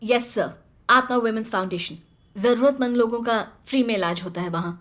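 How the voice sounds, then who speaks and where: A woman's voice: fairly high pitch, brisk, close to an everyday voice. An actress playing a caring woman police officer who speaks politely in court and urgently comforts a frightened girl. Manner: polite, then urgently soothing. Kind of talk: film drama dialogue.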